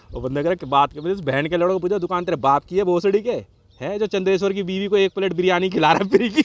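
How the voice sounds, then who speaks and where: A man's voice: high voice, brisk. A man telling a crude neighbourhood story in casual profane chat, often breaking into laughter. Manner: laughs often, heavy swearing, quotes neighbours.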